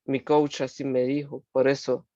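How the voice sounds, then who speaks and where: A man's voice: mid-range voice, flat delivery, mellow, dry recording. Hesitant man student on a dull line. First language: Spanish. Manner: hesitant, halting. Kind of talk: student asking in class. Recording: dry, lo-fi call audio.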